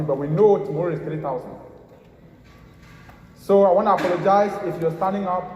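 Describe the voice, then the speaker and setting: Humble event organizer, a man with a high voice, speaking in a reverberant hall. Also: a little mellow. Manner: humble, grateful, informal. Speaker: event organizer welcoming the crowd. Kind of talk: welcome speech. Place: large event hall stage. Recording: echoey event hall, audience noise.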